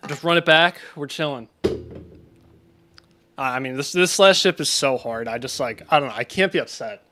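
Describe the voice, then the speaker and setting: A man's voice: medium pitch, moderate pace, bright, forceful tone. A man giving casual live-stream commentary while playing, chatting with his viewers between attempts. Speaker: gaming streamer.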